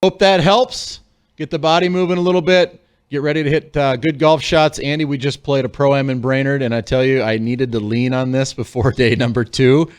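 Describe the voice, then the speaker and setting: A man's voice: medium pitch, fairly even intonation, moderate pace, clean tone. A man in his forties hosting a golf show, friendly and chatty as he moves between segments. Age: 40s. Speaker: podcast host.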